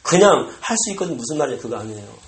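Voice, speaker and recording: A pastor delivering a sermon, animated and bursting into loud exclamations, recorded in a church sanctuary. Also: medium pitch, fast talker. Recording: echoey room with faint noise.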